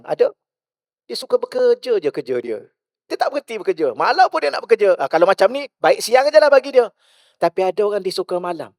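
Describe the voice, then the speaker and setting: A male religious teacher with a Malaysian Malay accent, giving a mosque lecture full of rhetorical questions, shifting between loud and hushed. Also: extremely high pitch, dry recording, studio quality.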